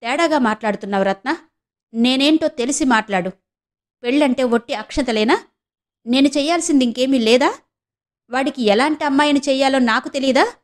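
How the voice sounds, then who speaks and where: A woman voicing a stern, proud middle-aged mother who scolds her son with sharp questions. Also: high-pitched, fairly quick, pauses often, pitched above the performer's own voice, close to an everyday voice. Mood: defiant.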